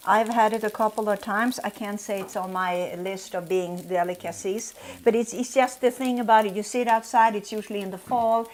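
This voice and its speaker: A woman with a Swedish accent, a mother from Sweden, chatting casually while cooking in her home kitchen and pausing with "uh" as she explains things. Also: medium pitch, steady tone. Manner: explains customs plainly, fills pauses with "uh". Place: home kitchen with food frying.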